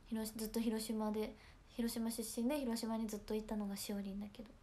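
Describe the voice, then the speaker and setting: A woman's voice: on the high side, flat delivery, fast, a little hiss or hum. Chatty young woman with a Hiroshima accent. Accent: Hiroshima Japanese. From Hiroshima, Japan. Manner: chatty, giggly, drops to soft whispers. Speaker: idol livestream host. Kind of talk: casual livestream chat.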